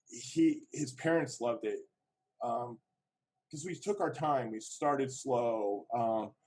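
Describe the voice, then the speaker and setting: A man presenting his program in an online talk, halting, with lots of fillers and restarts. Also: mid-range voice, warm tone, poor audio.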